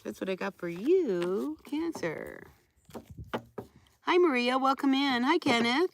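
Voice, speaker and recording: A woman's voice: sits high, lively intonation, slow, gravelly, a little hiss or hum. A woman giving a live tarot reading outdoors, talking to viewers in a conversational, familiar way. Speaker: tarot reader hosting a live stream.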